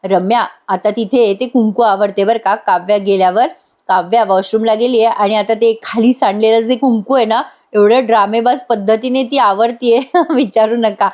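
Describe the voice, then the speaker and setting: A woman's voice: on the high side, fairly even intonation, moderate pace, darkish tone. A woman narrating a voice-over recap of a TV serial, chatting directly to viewers. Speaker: serial reviewer.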